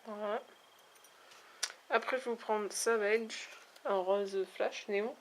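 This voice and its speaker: A woman's voice: mid-range voice, steady tone, takes it slowly, slight background noise. A woman reviewing a makeup palette in a casual vlog, talking in a hesitant, chatty way with many fillers. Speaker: beauty vlogger. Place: at home, near a window with backlight.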